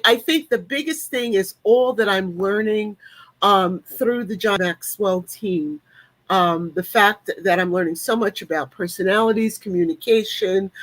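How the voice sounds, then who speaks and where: Late-sixties woman, upbeat panelist, chatty and warm-toned, dry mic. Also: mid-range voice, dry recording, poor audio. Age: 60s. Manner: chatty, upbeat, with frequent ums. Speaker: panelist and leadership coach. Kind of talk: casual online panel talk.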